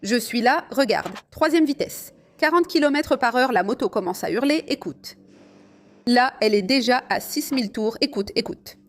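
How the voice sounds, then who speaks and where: A woman's voice: a little high, expressive, moderate pace. A woman riding a motorcycle in city rain, chatting and exclaiming to her viewers as she rides. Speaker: motovlogger. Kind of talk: casual riding commentary.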